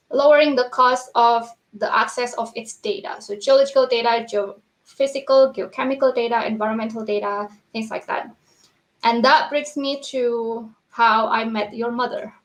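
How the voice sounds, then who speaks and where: A young woman gives an informal lightning talk over a video call, halting at times and correcting herself as she goes. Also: a little high. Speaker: conference speaker, geologist and product manager. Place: small indoor room, remote video presentation. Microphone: headset on a video call. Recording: echoey room on video call.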